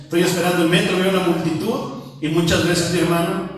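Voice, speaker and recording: Mexican male pastor, conversational sermon, high voice, recorded far off in a very echoey hall. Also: flat delivery, brisk. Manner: conversational, full of rhetorical questions, often calls out "my brother". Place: church prayer hall.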